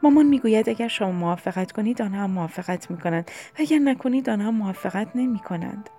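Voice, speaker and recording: A woman's voice: medium pitch, lively intonation, mellow, faint music behind, voice pushed up, close to an everyday voice. A woman voicing a restless, lovesick young woman who pleads impatiently in an audiobook. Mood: impatient, pleading.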